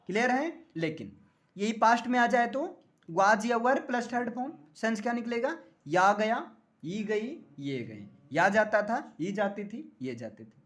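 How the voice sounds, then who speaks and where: A man's voice: high voice, big pitch swings, a little slow, fairly bright tone. A man teaching English grammar in a classroom lecture. He jokes often and keeps checking that the students understand.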